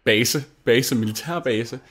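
With a mid-range, slightly bright voice, a young Danish man hosts his gaming channel. His talk over the gameplay is casual and effusive, rambling with plenty of fillers and restarts.

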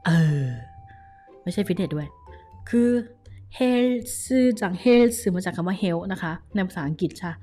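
A young woman with a Thai accent teaching a casual Korean lesson, lively and coaxing, drilling each word syllable by syllable. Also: fairly low pitch, measured pace, faint music behind.

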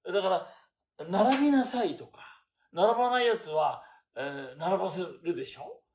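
An older man giving a chatty lecture on classical texts, asking rhetorical questions and pausing with fillers. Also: high-pitched, darkish tone. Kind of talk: casual lecture. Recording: roomy echo.

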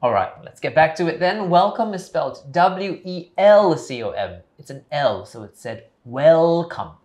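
Guy acting as proper polite english tutor, bit hesitant, careful wording, really up and down pitch, comedy skit. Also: sing-song, normal speed. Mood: patient. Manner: formal, careful phrasing. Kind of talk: scripted comedy series dialogue.

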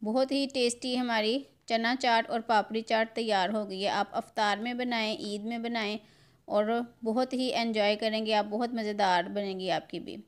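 A middle-aged woman hosts a cooking channel, narrating a home cooking tutorial from her own kitchen. Her voice is a little high and clear, with a steady, resonant tone and a moderate pace, as she gives viewers homely, step-by-step instructions for a recipe.

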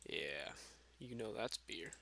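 A man's voice: on the low side, expressive, slow, creaky, pushed and bright, slight background noise. A drunk young man rambling casually and swearing through a gaming vlog, recorded on a substitute microphone. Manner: profane, aimless rambling. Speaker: gaming vlogger. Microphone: makeshift substitute microphone, screen-capture voice-over.

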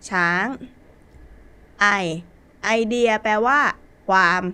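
A woman's voice: on the high side, drawn-out words, bright, forceful tone, clean tone. A woman with a Thai accent teaching a basic English lesson, spelling words out letter by letter in a patient way.

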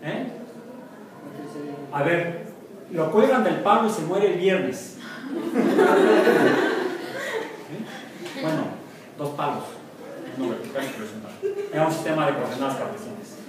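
A man's voice: on the high side, moderate pace, pauses often, very noisy. A Mexican man teaching a university math class, joking and asking the students questions. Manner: jokey, asks the class questions. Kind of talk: classroom lecture. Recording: echoey classroom from far off.

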